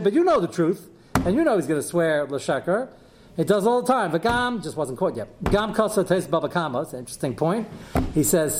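A man's voice: on the high side, darkish tone. A man teaching a religious law class informally, reading sources and arguing through questions and answers. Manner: argumentative, posing questions and answering them. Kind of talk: informal lecture, reading sources aloud and explaining. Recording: noticeable background noise, clicks.

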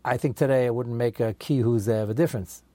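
A man's voice: mid-range voice, fairly even intonation, brisk, warm tone, dry recording. A man teaching a Talmud class, telling stories in a conversational way and mixing in Hebrew and Yiddish terms. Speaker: Torah teacher.

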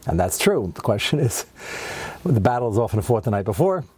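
A man's voice: medium pitch, big pitch swings, normal speed, darkish tone, breathy edge. A man teaching a Torah study class, talking conversationally and acting out people's excuses in a raised voice.

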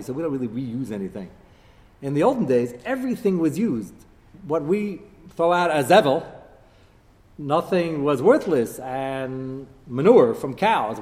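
Man lecturing on Talmud in a reverberant hall. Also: medium pitch. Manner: question-and-answer teaching, weaving Hebrew terms into English. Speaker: rabbi giving a Torah class. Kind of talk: religious lecture, Talmud discourse. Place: large echoing room with listeners present.

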